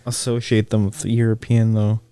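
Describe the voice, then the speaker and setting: A man's voice: fairly low pitch, monotone, brisk, mellow, clear, resonant tone. A young man co-hosting a podcast in casual chat, laid-back and hesitant, often repeating himself. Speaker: podcast co-host.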